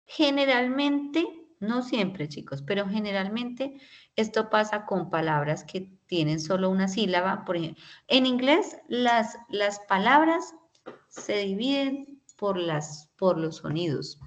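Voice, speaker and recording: A woman's voice: mid-range voice, animated, measured pace. A woman teacher, patiently explaining English grammar in an online class and often checking in with her students. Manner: patient, explanatory, many tag questions.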